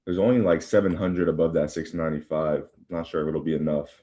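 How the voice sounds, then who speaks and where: A man joining a live trading stream, talking in a relaxed, laid-back way. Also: a bass voice, fast. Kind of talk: casual livestream chat.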